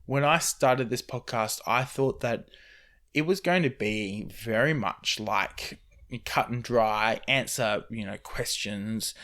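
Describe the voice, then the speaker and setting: A man's voice: medium pitch, slow, fairly bright tone. A young man hosting his podcast, talking off the cuff in a rambling, casual solo update. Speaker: podcast host. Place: indoors near street traffic.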